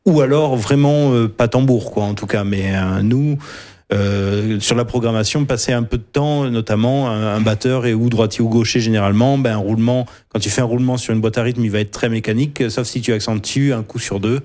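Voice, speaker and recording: A male guitarist is a guest in a radio interview. He explains technical details slowly. He often stops to search for words. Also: medium pitch, a little mellow. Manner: hesitant explaining with many fillers.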